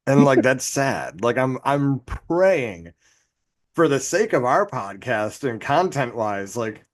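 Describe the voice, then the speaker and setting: A man's voice: mid-range voice, sing-song, slow, no echo, studio quality. A man co-hosting a podcast in a casual chat, rambling, swearing and laughing at his own jokes. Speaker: podcast co-host.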